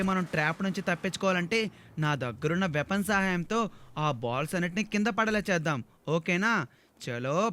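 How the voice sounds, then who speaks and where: Excitable man narrating a game for kids. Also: sits high, slight background noise. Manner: excitable, exaggerated and theatrical. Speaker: gaming video narrator. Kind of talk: playful game commentary for children.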